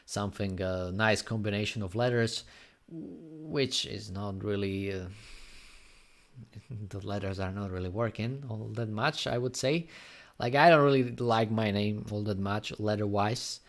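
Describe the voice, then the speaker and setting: Slow-talking man with a Slovak accent. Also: on the low side, a bit bright. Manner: unhurried, rambling, answering chat questions. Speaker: graffiti artist live streamer. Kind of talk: casual live stream chat.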